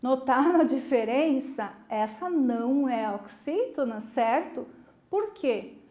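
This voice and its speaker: Woman teacher, high and encouraging. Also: expressive, takes it slowly, dark tone, roomy sound. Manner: patient, encouraging, asks the class many check questions. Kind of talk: recorded video lesson.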